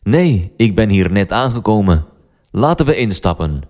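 A man's voice: fairly low pitch, very animated, moderate pace, a little mellow. A man voicing a stern, wry police sergeant in a language-learning story, speaking firmly and dryly.

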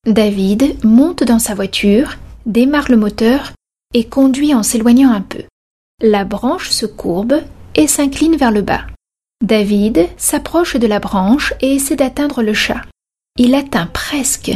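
A woman narrating a children's story in a slow, careful reading voice. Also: fairly high pitch, darkish tone, breathy edge.

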